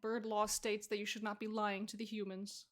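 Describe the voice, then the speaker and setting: A woman's voice: medium pitch, flat delivery, normal speed, fairly bright tone. A woman art streamer chatting casually and playfully while she draws, joking and laughing with her viewers. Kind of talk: casual chat while drawing.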